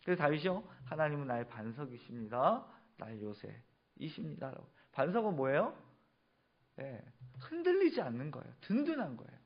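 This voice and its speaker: A man's voice: on the high side, big pitch swings, moderate pace, muffled recording. A male pastor preaching a sermon, asking the congregation questions and answering them himself. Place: church sanctuary.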